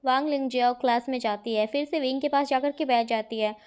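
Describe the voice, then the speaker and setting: High-voiced woman reading a fan story. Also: steady tone, fairly quick, a little mellow, smooth. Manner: conversational storytelling with asides to listeners. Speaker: narrator.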